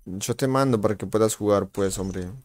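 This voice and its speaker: Streaming a shooter game live, a man with a lowish voice and normal speed keeps up relaxed, slangy banter. He calls out viewers by name and peppers his reactions to the match with frequent exclamations.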